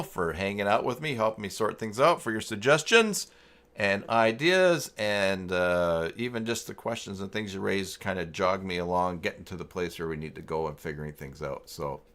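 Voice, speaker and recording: A man with a lowish, slightly bright voice hosts a casual livestream. He thinks aloud, rambling and muttering his way through his thoughts.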